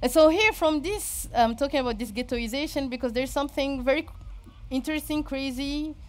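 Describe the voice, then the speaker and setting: Woman, Moroccan accent, informal presenter; hesitant delivery that keeps circling back to find the right word. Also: sits high. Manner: halting, searching for words, frequent repetition. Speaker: speaker giving a talk.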